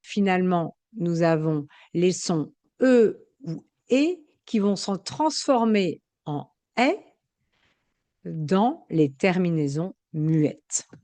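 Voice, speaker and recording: A woman teaching a grammar lesson, explaining spelling and sounds slowly and carefully, repeating each example. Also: on the low side, expressive, dark tone, no echo. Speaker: French teacher.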